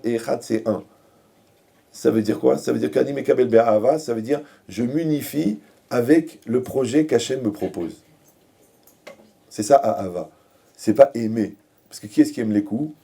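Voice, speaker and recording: A man's voice: mid-range voice, warm tone, breathy edge. A man giving a Torah lecture as a rabbi, mixing jokes with rhetorical questions to his audience. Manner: joking, asks rhetorical questions.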